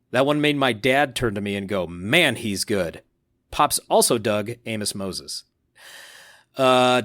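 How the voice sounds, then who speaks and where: A man co-hosting a casual podcast, reading listener messages aloud in an upbeat, animated way. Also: medium pitch, no room sound, studio quality. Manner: upbeat, reads quotes aloud with animated emphasis.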